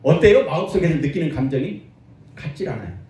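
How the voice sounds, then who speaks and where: Male pastor, high and animated sermon delivery with call-and-response, distant mic, very echoey hall. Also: fast talker. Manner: lively preaching with call-and-response to the congregation.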